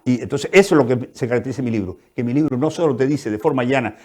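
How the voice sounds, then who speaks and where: A man's voice: medium pitch, rapid-fire, a little mellow. A man from the Canary Islands with a Canarian accent, an author being interviewed on a television program, who tells stories with animation and acts out the voices he quotes. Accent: Canarian Spanish. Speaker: author guest. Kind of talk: interview conversation. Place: TV studio.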